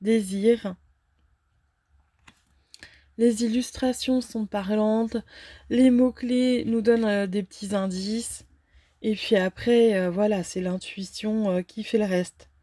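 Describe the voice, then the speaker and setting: A woman casually unboxing and reviewing a fortune-telling card deck, talking hesitantly with many filler pauses. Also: medium pitch, fairly even intonation, mellow, dry recording.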